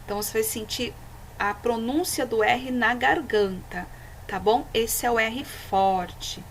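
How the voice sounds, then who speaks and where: A woman teaching a recorded lesson to children, patient and didactic, checking in often. Her voice sits fairly high, and she speaks slowly, drawing out example words one by one. A faint hiss sits behind her voice. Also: rough recording. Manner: slows down and stresses words when reading examples aloud.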